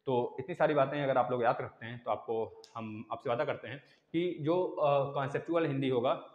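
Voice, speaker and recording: A man's voice: medium pitch, normal speed, phone-quality sound. A man teaching grammar in an online exam-prep lesson, repeating sounds aloud and asking and answering his own questions. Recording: echoey room with long reverb.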